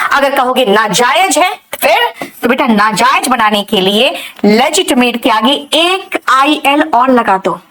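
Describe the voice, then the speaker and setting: Indian woman English teacher, high lively voice, unhurried, keeps checking in with students. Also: rough recording. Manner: addresses students as beta, checks with "right?" often; says example sentences slowly and clearly. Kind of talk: live online lesson.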